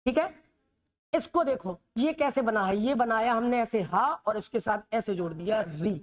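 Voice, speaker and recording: A woman with a high voice teaches the Hindi alphabet. She asks her students questions, answers them herself, and keeps checking that they follow. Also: normal speed. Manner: repetitive, checks students' understanding. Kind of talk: classroom lesson on Hindi script.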